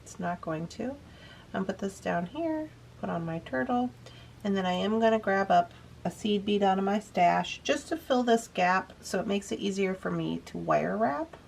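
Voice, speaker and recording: In a casual, step-by-step craft demo, a woman walks viewers through a beading project, chatting easily as she works. Her voice is medium-pitched, creaky, and a little mellow, moving at a normal speed, and she sounds a bit sniffly.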